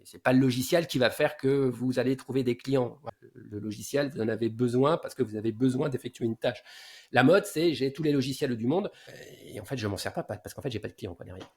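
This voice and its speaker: A man in his forties talks through his work habits in a casual interview. His voice sits at an ordinary middle pitch. He gives advice in a low-key way, and his phrases often trail off softly at the end. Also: fairly quick. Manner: explains at length in a low-key advising tone, often trailing off quietly. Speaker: guest SEO consultant.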